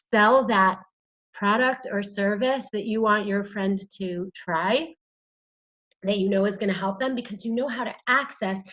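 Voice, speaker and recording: Shivering from the cold of the room she's in, a woman with a slightly high voice walks doulas through a worksheet. The lo-fi video talk is earnest and informal, packed with filler words and pleading asides.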